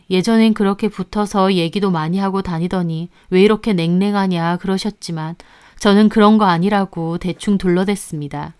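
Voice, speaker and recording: A woman tells a family drama in the first person, narrating steadily and calmly. Her voice is smooth and clear at an ordinary pitch, with an even storytelling pace. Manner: calm storytelling. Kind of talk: scripted narration.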